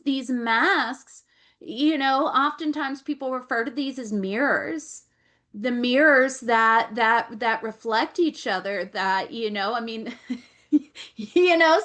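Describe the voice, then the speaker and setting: Her voice high-pitched and a bit bright, a woman delivers a channeled Akashic Records reading by video call, conveying what her guides say, often repeating phrases and halting to ask them questions.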